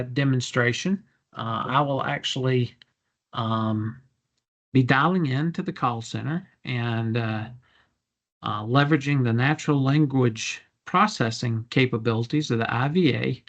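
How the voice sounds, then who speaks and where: A man with a medium-pitched voice giving a product demonstration. He explains software features step by step in a measured, businesslike manner. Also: vocal fry.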